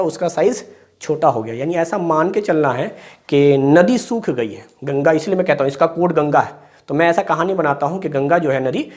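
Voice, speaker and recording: A man's voice: a little high, a little mellow. A man teaching a chemistry lesson, explaining patiently, repeating key points and calling his students beta. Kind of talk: classroom lecture.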